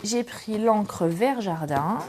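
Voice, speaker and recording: Relaxed woman walking thru a craft project, thinks out loud, bit of noise behind. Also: mid-range voice, takes it slowly. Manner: chatty, relaxed, thinks aloud with fillers. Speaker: crafting tutorial host. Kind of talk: casual step-by-step craft demonstration. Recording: faint background noise and clicks.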